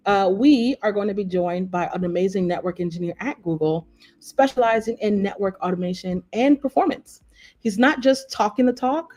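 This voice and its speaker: A woman with a mid-range, darkish voice hosts a live online workshop, greeting her audience over a video call. She sounds upbeat and effusive, showering everyone with praise.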